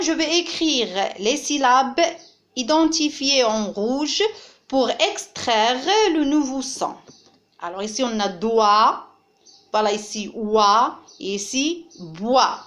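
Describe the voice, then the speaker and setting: Woman teacher, slightly high voice, unhurried careful delivery, phonics lesson for children. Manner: slow, clearly articulated, pointing things out. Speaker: primary school teacher.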